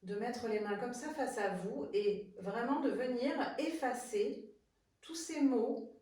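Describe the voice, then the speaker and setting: A woman's voice: fairly high pitch, slow pace, warm tone. A woman sophrology coach giving a chatty, hesitant instructional talk to viewers. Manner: chatty and hesitant, many fillers and restarts. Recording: very echoey room, far from the mic.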